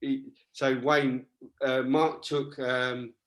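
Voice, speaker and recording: A man's voice: mid-range voice, flat delivery, extremely slow. A man co-hosting a casual chat show, telling funny stories animatedly and laughing as he goes. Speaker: co-host.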